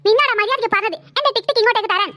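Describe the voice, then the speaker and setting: A woman voicing a bossy, possessive cartoon girl who squabbles with her sister in a shrill, scolding, insistent manner. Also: rapid-fire, pushed and bright. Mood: indignant. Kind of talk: cartoon voice acting.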